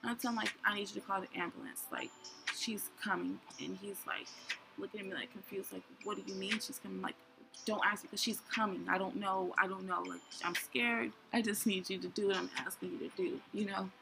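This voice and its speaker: A woman's voice: medium pitch, steady tone, fairly quick, gravelly, background noise. A young woman hosting a show, telling her own story candidly in a rambling way with many fillers. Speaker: podcast host. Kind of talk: personal storytelling.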